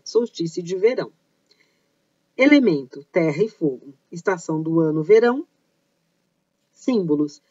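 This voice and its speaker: A woman with a Brazilian Portuguese accent hosts a pagan culture channel, talking through an informal explainer in a chatty way and pausing to clarify or correct herself. Her voice is medium-pitched with a darkish tone, recorded with no room sound and the highs cut off.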